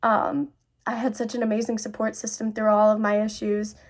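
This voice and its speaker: Speaking in a mid-range voice with a level tone and moderate pace, a young adult woman talks to camera about mental health. As host, she shares personal experiences in an earnest, confiding way.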